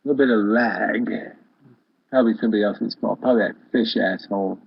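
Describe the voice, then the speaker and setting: A man's voice: on the low side, fairly even intonation, quick pace, creaky, highs cut off. A man in a casual online voice chat who talks in a mocking, rambling, exasperated way. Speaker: online video maker chatting with a viewer.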